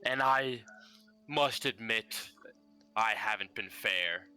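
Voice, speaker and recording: A man's voice: lowish voice, slow, pushed and bright, smooth, soft background music, exaggerated voice. A man doing a sly, sinister smoke demon. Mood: sly menace. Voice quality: sweet, sinister, grinning. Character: sinister smoky demon father, mocking and sly.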